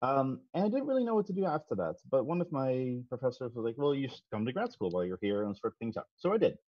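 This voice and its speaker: Over a headset in his home office, a thirty-something Dutch physicist delivers a casual guest presentation by video call. His mid-range voice moves at a quick pace, and his manner is relaxed and self-deprecating with frequent ums. The sound is dry and a bit dull.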